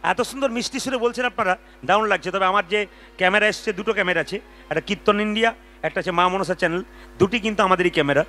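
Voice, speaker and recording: High-voiced man leading a kirtan. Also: fast talker. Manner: animated, urges the crowd to chant louder. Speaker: kirtan lead singer. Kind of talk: devotional singing and exhorting the audience. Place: live devotional gathering with audience.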